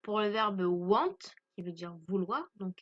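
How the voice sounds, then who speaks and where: Slow, patient French woman teaching English. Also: mid-range voice, animated, highs cut off. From France. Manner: slow, patient, repeats and stresses pronunciation. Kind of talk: explaining English grammar to French speakers.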